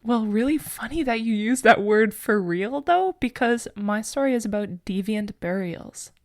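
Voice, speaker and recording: A young woman co-hosting a podcast, telling her sister a personal ghost story in an earnest, emotional way, dropping to a hush at the eerie parts. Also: fairly high pitch, lively intonation, normal speed, no room sound. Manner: earnest, emotional, builds up the story with hushed tones. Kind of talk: casual chat and storytelling.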